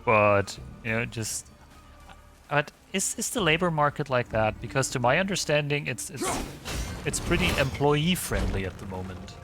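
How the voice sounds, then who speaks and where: Male streamer, easygoing rambling commentary, mid pitch, faint game music underneath. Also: lively intonation, moderate pace, fairly bright tone. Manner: chatty, rambling, swears casually, many restarts. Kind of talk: casual gaming commentary.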